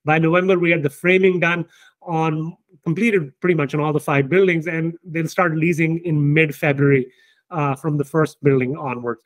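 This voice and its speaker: A man, the company's founder, talking through business results in an emphatic, animated way, often checking in with "right?". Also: fairly high pitch, moderate pace, no echo. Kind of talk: casual business discussion.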